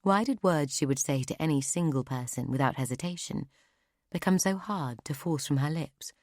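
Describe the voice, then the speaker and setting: Low-voiced woman reading an audiobook. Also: dry recording, clean studio sound. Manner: steady, measured reading. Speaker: audiobook narrator. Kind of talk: scripted narration.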